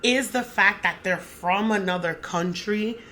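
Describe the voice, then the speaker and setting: A young Dominican-American woman raised in the United States co-hosts a podcast, chatting casually with lots of profanity and emphasis and repeating herself. Her voice is medium-pitched and measured, with a little hiss or hum in the background.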